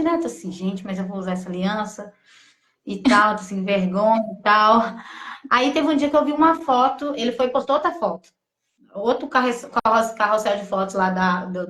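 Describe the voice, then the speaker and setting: A woman tells her own story in a halting, emotional voice that keeps restarting and slipping into quoted thoughts. Her voice sits fairly high, and the room around her rings with echo. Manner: halting, full of restarts and quoted self-talk. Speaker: testimony guest. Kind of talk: emotional personal testimony. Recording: echoey room.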